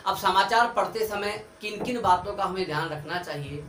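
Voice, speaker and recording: A man's voice: high voice, normal speed, a bit bright. A man teaching an online grammar lesson, explaining step by step as he writes on a board. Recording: echoey room, far from mic, faint background hiss.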